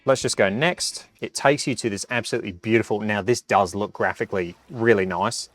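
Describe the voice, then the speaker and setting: A man's voice: on the low side, brisk, a bit bright, no room sound, soft background music. A man giving a casual hands-on review, chatting and reacting aloud as he plays. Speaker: product reviewer.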